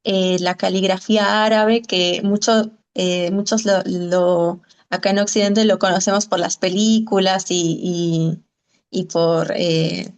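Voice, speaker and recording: A woman's voice: fairly low pitch, fairly even intonation, takes it slowly, clear, resonant tone. A woman from Argentina moderating a Q&A on a video call, asking long questions full of fillers. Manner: filler-heavy, searching for words.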